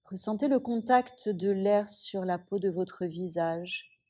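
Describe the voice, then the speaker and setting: Guiding a yoga nidra session, a woman teacher speaks gently and calmingly at a medium pitch, with long stretches of silence between phrases.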